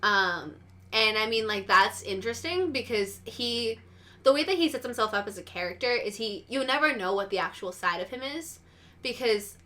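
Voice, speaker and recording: A woman's voice: on the high side, animated, moderate pace, sharp tone. A woman co-hosting a casual pop-culture podcast, rambling with lots of "like" and acting out reactions in quotes. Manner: rambling, heavy use of "like", acts out reactions in quotes. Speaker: podcast co-host.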